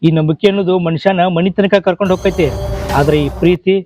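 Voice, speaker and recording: A man's voice: high-pitched, steady tone, fast talker, natural voice. A man playing a moralizing village elder with a North Karnataka accent. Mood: scolding. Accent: North Karnataka Kannada. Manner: scolding, lecturing. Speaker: scolding villager in a village drama. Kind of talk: short-film acting. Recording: slightly dull audio, faint music.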